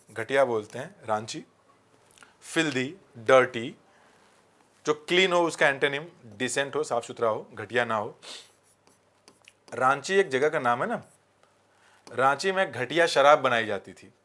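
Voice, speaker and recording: A man teaching vocabulary with memory tricks, asking rhetorical questions and repeating key words slowly. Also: medium pitch, fairly bright tone. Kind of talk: vocabulary lesson with mnemonics.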